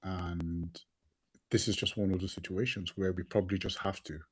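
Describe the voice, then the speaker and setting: Deep and husky, this man's voice stays level at a normal speed as he co-hosts a laid-back football podcast. He's sniffling from hay fever, speaks with passion, and tends to repeat words as he thinks.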